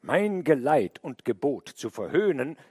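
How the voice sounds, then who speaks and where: A man's voice: a little high, very animated, measured pace, dark tone, breathy edge, no echo, clean studio sound, full character voice. A man voicing an angry noble king of beasts swearing a stern oath in a storybook reading.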